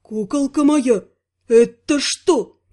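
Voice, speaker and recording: Storybook fashion master, vain and touchy, slow affected drawl, mellow tone, read by a woman. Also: high-pitched, close to an everyday voice. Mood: horrified. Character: flamboyant theatrical male couturier, jealous.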